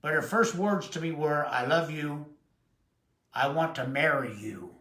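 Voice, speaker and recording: A man, preaching a sermon with emphatic, emotional delivery and drawn-out quotes. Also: a little high, pushed and bright. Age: 70s. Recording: echoey room.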